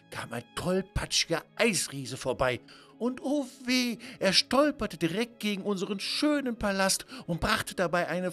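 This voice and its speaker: Guy doing a fancy bow-tie unicorn, polite flowery talk, kinda high voice. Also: a bit bright, heavily acted. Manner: genteel, flowery and courteous. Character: refined, elegant male unicorn wearing a bow tie.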